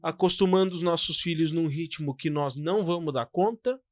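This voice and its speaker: A man, co-hosting a pastoral podcast in a casual, animated storytelling way. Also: a little high, moderate pace, no room sound, studio quality. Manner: animated, storytelling, frequent "cara" and "tu". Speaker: podcast co-host.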